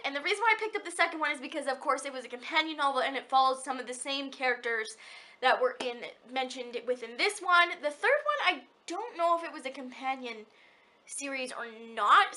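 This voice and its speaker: A woman's voice: sits high, sharp tone. A young woman vlogging about books, gushing and rambling in a hyper way, with many restarts. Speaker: book vlogger. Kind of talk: casual chat.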